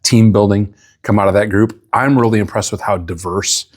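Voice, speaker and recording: Deep, husky-voiced man in casual interview. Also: fairly even intonation, normal speed. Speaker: police chief, interview guest.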